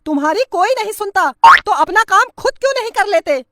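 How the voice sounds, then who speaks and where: A performer playing a sharp-tongued wife and mother who scolds and mocks her husband, in a noisy recording. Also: very high voice, animated, a little fast. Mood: scolding. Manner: scolding, sarcastic.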